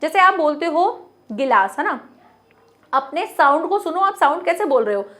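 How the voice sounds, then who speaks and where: A young woman teacher explaining a Hindi grammar lesson, asking questions and answering them herself, repeating words slowly to model how they sound. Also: high voice, very animated, fairly bright tone.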